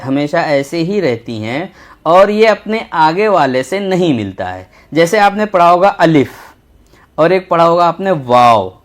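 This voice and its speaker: A man teaching a children's Urdu lesson, patient and slow, repeating each letter as he writes. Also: fairly high pitch, very animated. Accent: Indian Urdu. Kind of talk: textbook lesson for young children.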